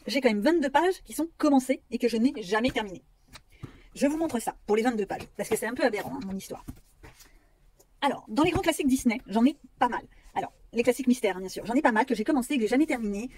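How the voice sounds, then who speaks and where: Brief: fast-talking woman vlogger, slightly high voice, chatty and self-deprecating. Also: a little mellow, slight background noise. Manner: chatty, self-mocking, rambling with fillers. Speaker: coloring hobby vlogger. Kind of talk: casual talk showing her books.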